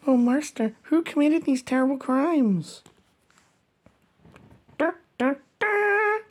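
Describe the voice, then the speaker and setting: A woman with a high, light voice playing a fawning servant in comic back-and-forth. She sounds eager and childlike, deferential on the surface but slyly teasing. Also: very animated, slow pace. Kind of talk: comic banter.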